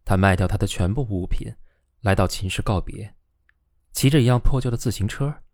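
A man narrating a novel as an audiobook reader, reading in an expressive, steady way. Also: lowish voice, fairly quick, dry recording, studio quality. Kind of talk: scripted narration.

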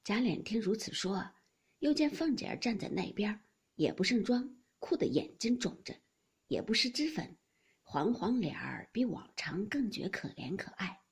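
A woman narrating a classical novel as an expressive audiobook storyteller. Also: medium pitch, moderate pace, slightly rough.

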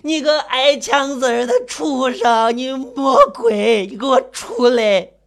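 A man voicing a frenzied, grieving mother who screams curses through wailing sobs, her voice shrill and piercing. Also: fairly even intonation, takes it slowly, fairly bright tone, full character voice. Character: grieving mother, frenzied, shrieking, sobbing woman.

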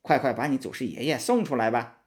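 A man's voice: mid-range voice, lively intonation, a little fast, natural voice. Sun Wukong, a man doing a cocky monkey king. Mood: teasing. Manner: boastful and teasing. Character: boastful, cheeky monkey king. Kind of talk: children's storybook narration.

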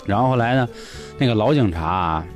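A man's voice: fairly low pitch, fairly quick, soft background music. A man tells a story as a podcast host in a casual way, acting out the dialogue with lots of laughter. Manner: animated, acts out quoted dialogue, laughs often.

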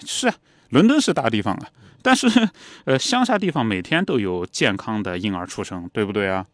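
A man voicing a self-assured male country doctor who speaks calmly with cutting, barbed remarks. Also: fairly low pitch, brisk, no room sound, studio quality, voice pushed down. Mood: sardonic.

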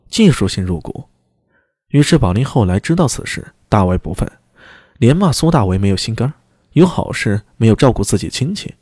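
A man reading a serialized historical novel aloud in a steady storytelling manner. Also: medium pitch, breathy edge, no echo, studio quality. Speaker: narrator.

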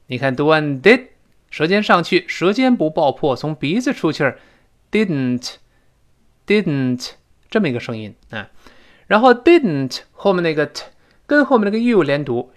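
Lively man teaching sounds. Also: medium pitch. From China. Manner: explains step by step, models English phrases slowly and repeats them. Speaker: English pronunciation teacher. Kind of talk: lecture-style language lesson.

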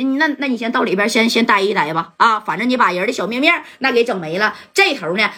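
A woman narrating a gangland story in lively, slangy talk full of sound words. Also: fairly high pitch, slightly rough. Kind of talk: colloquial crime-story narration.

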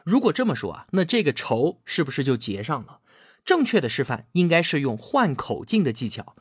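A man with a slightly husky voice and a fairly high, lively pitch walks through a book's ideas in scripted narration. He leans on drawn-out filler particles and acts out quoted lines. The recording is dry and close. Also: dry recording. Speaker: book explainer.

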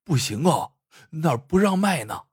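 A man's voice: fairly high pitch, very animated, normal speed, breathy edge, no echo, clean studio sound, voice pushed up, exaggerated voice. A man voicing a stammering, flustered popcorn seller. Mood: anxious. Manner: stammering, hesitant. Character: flustered humble middle-aged male popcorn vendor.

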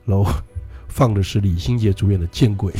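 A man's voice: fairly low pitch, moderate pace, warm tone, breathy edge, soft background music. A man co-hosting a podcast, retelling listener horror stories in a chatty, loose way and laughing often. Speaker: podcast co-host.

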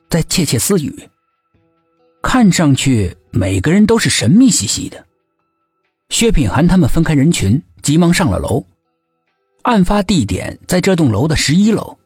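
A husky-voiced man narrates a suspense mystery with an animated, rising-and-falling delivery, pitched slightly high. The recording is dry and close, with a faint music bed underneath. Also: no room sound. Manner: lively, expressive storytelling. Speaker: audiobook narrator.

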